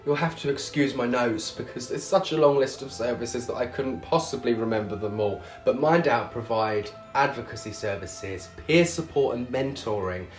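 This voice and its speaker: A man's voice: mid-range voice, moderate pace, few pauses, faint music behind. A man hosting a show as a drag queen, with a camp, cheeky, theatrical manner. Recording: roomy echo on the voice.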